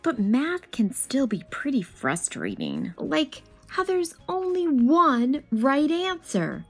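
A woman pitches her voice well above her own into a full, high character voice with huge pitch swings, taking it slowly over faint music. She's playing an exasperated math skeptic in a picture book read-aloud, arguing back at an alien in a dramatic, grumbling, emphatic manner.

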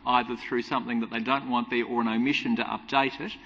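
Middle-aged guy on a panel, husky voice, explains step by step, echoey hall. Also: mid-range voice, little pitch movement, fast talker, bright, forceful tone. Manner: hesitant, then explains point by point. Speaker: panelist explaining a health record system. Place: large conference hall stage. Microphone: table mic. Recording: dull sound with hall reverb.

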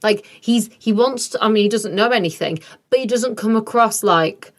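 A woman co-hosting a podcast in casual, expressive chat. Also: mid-range voice, normal speed. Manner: expressive, chatty, lots of fillers. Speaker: podcast co-host.

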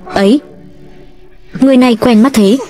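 A woman's voice: fairly high pitch, moderate pace, dark tone, faint music behind. A woman evenly reading a dubbed drama. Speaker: drama recap narrator.

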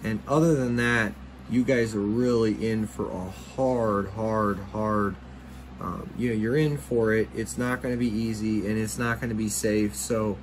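A man's voice: lowish voice, steady tone, unhurried, slight background noise, rough recording. A man hosting a fishing channel, talking casually in a rambling voice-over with many fillers and restarts.

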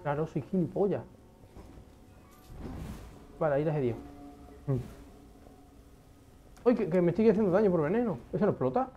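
A young man giving casual gameplay commentary, excitable, swearing often and talking to himself as he plays. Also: a little high, normal speed, pauses often, muffled recording, soft background music. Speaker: gaming streamer.

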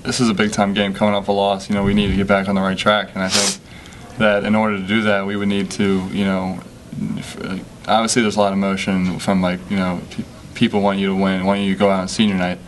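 Young male athlete at a postgame presser; low, flat delivery, hesitant, faint background hum. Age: young adult. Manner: halting, many fillers and restarts. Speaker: college basketball player. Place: press conference room with sponsor backdrop. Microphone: table microphone.

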